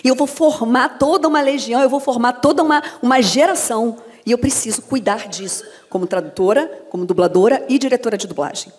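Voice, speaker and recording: A woman with a Brazilian accent, a voice actress and dubbing director, giving a lively talk to an audience and acting out anecdotes as she goes. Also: on the high side, brisk. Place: lecture hall. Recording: long reverb of a hall.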